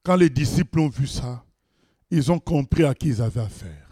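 A man preaching a sermon, reading scripture aloud and commenting on it, swinging between loud exclamations and low asides. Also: lively intonation, moderate pace, husky, no echo, clean studio sound.

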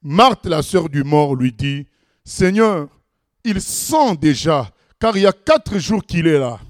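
A man preaching a sermon, reading scripture aloud and commenting on it, swinging between loud exclamations and low asides. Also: sing-song, slow, no room sound, clean studio sound.

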